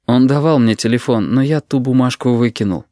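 A gloomy young male student, voiced by an audiobook narrator. He speaks reluctantly and quietly, with a mid-pitched voice. The recording is dry and close. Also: fairly quick, no echo, close to an everyday voice. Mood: subdued.

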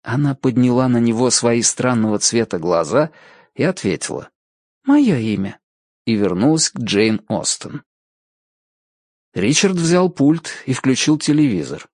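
A man narrating an audiobook in an expressive, animated reading style. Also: mid-range voice, measured pace, no room sound, studio quality.

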